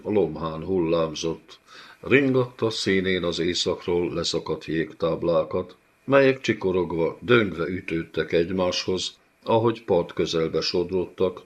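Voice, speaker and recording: A man narrating a fantasy novel in a measured, descriptive style, in a dull lo-fi audiobook recording. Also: sits low.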